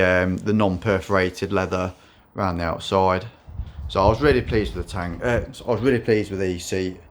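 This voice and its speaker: A low-voiced man features his custom motorbike in a casual vlog. He says he speaks in a monotone, and he uses lots of fillers and keeps restarting sentences.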